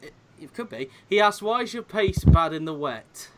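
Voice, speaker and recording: A man's voice: high voice, animated, normal speed. Man hosting a casual press conference. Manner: reads out chat questions, hesitant fillers. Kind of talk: casual online league chat.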